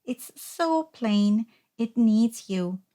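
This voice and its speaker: In a children's storybook, a woman voices a timid, polite hermit crab, her fairly high voice pushed even higher and spoken very slowly. Expressive and earnest, she asks gentle, courteous questions in an admiring, polite mood.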